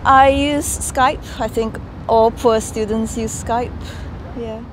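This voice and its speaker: A woman from Singapore, a PhD student, speaking in a relaxed, chatty way in an interview. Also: on the high side, takes it slowly, rough recording. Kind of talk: interview testimonial.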